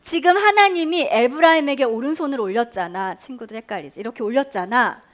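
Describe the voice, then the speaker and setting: Lively high-voiced woman preaching to children. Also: fast. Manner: animated, questioning children and leading call-and-response. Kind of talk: Sunday school sermon for children. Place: church Sunday school room.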